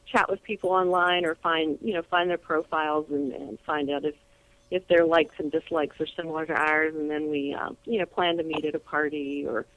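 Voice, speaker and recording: A woman's voice: deep voice, steady tone, normal speed, dry recording. A woman calling in as an interview guest on speakerphone, her voice muffled, talking chattily with many restarts. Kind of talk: casual phone interview.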